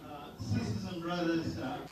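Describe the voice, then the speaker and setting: A man moderating an event, making halting announcements full of uhs. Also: fairly high pitch, noisy background. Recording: echoey hall, from far off, crowd.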